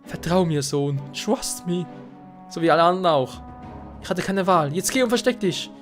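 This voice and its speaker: A man putting on a gentle young mother's voice. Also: high voice, lively intonation, normal speed, soft background music, pitched above the performer's own voice. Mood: earnest. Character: calm gentle young woman, a songstress mother. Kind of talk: reading game dialogue aloud in a let's play.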